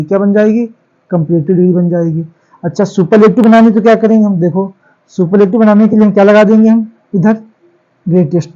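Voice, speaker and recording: A man teaches a grammar class in a high, mellow voice. He fires questions at the class and answers them himself, repeating each key word. The recording sounds dull and lo-fi. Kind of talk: classroom lecture on English grammar.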